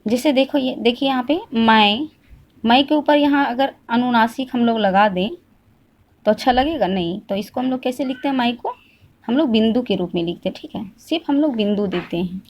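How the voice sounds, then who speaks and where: A fairly high-voiced woman teaches a grammar lesson step by step. She keeps asking questions and answering them herself, and she repeats each point slowly so it sinks in. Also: a little mellow.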